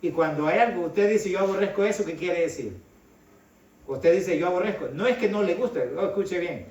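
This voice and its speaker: A man's voice: on the high side, expressive, normal speed, a little mellow, lo-fi sound. A middle-aged man from El Salvador, preaching a sermon in a conversational way and often calling his listeners brother. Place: church hall. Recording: echoey hall, voice from a distance.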